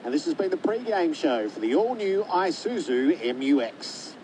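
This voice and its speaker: A man with an Australian accent, hosting a live radio cricket broadcast in a smooth, polished announcer's delivery and reading sponsor lines as he sets up the play. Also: on the high side, very animated, moderate pace, noisy background.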